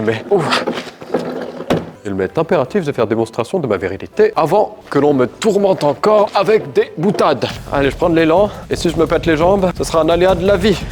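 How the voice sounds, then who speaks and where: Theatrical mock-pompous young man. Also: on the high side. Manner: mock-pompous, theatrical old-fashioned French. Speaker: YouTuber host. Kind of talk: comedic vlog narration in costume. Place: castle grounds and rooms.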